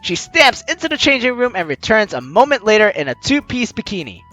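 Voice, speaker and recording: Here the same kind of let's player swings his medium pitch widely, talking a little fast with a bright, forceful delivery. Game music plays behind his jokey, teasing commentary and his reading of the story.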